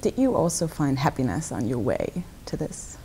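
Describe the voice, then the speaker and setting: Low-voiced young woman presenter. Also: big pitch swings, moderate pace, mellow, slight background noise. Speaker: interview presenter. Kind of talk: scripted interview questions. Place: dark television studio set.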